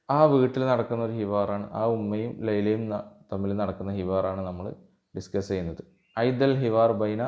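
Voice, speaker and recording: Man, Arabic teacher, from Kerala, exam-prep lesson, slow reading then translating, muffled lo-fi recording. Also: on the low side, warm tone. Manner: reads Arabic dialogue lines slowly, then translates.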